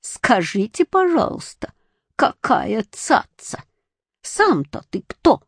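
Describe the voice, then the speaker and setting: A woman's voice: on the high side, sing-song, measured pace, darkish tone, no room sound, studio quality. A woman playing a cheeky schoolboy. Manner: brash, mocking retorts. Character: cheeky modern schoolboy, stubborn.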